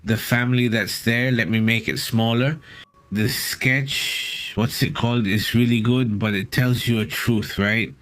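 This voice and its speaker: A man co-hosting a casual live stream in a dry, close sound. He rambles through loose thoughts, leans on fillers and reads out viewer comments. His pitch sits right in the middle for a man. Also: steady tone, a little slow, a bit bright, dry recording. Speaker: co-host of a live news stream.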